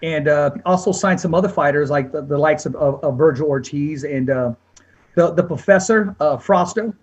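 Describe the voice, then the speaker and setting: High-voiced, husky man hosting a casual chat. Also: normal speed, lo-fi sound. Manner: informal, conversational, complimentary. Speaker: interviewer, host.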